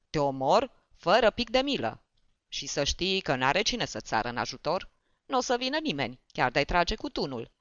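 A brutal barber barks commands and threats at full volume, as a narrator puts him on. He is a gruff, menacing storybook bully. His voice moves a lot, and the sound is dry and muffled. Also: on the high side, pushed and bright, dry recording. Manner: barking, menacing. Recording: dull, dry.

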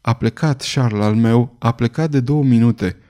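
A man's voice: mid-range voice, dark tone, lightly acted. A man voicing a devoted young woman who soothes her troubled lover, in an audiobook reading. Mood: soothing. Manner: soothing, tender.

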